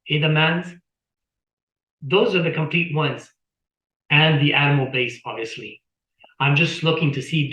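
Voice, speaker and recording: A man's voice: mid-range voice, sharp tone, echoey room, rough recording. A man chatting as an interview guest on a video call, rambling, repeating words and telling anecdotes. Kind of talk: casual explanatory talk.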